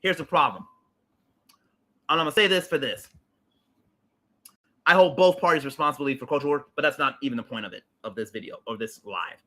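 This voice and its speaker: A livestream host in his late 30s rants about politics in a heated, emphatic, repetitive way, swearing bluntly. His voice is fairly high-pitched with a sharp tone, and he speaks briskly, pausing often.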